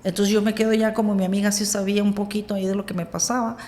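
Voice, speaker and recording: A woman with a Mexican accent, a podcast guest, telling a personal story in a lively way and acting out what others said. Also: medium pitch, very fast. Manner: animated retelling, acts out quoted dialogue.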